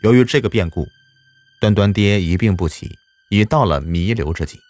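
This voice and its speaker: A man narrating a folk tale as an audiobook storyteller, expressive and animated. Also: lowish voice, moderate pace.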